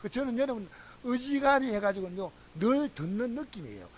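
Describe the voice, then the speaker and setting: Speaking fairly quickly in a very high voice, a pastor preaches to his congregation with a Gyeongsang Korean accent. His sermon unfolds through folksy, animated storytelling.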